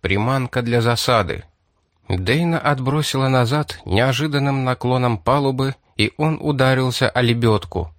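A man reading a science-fiction chapter aloud as an audiobook narrator, in an even, measured manner. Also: mid-range voice, dry recording, clean studio sound. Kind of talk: scripted narration.

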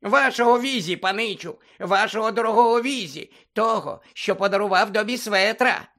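A man voicing an excitable male house-elf servant, in a squeaky, high-pitched voice, eager and pleading, who talks about himself in the third person. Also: normal speed. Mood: insistent. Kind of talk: audiobook character voice.

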